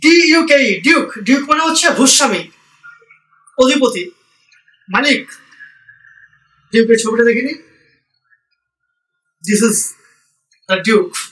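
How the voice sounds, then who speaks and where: A man's voice: very high voice, animated, takes it slowly, pauses often, a bit bright. A man from India teaching English vocabulary, spelling each word out letter by letter and explaining it patiently. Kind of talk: vocabulary lesson for learners. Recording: echoey room, voice from a distance.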